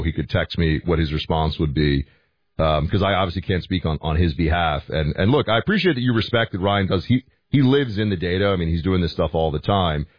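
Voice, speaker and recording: Hoarse, low-voiced American radio host. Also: male voice. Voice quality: hoarse, scratchy throat. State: hoarse from staying up late talking. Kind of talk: conversational political commentary with listener calls. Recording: roomy echo, slightly dull audio.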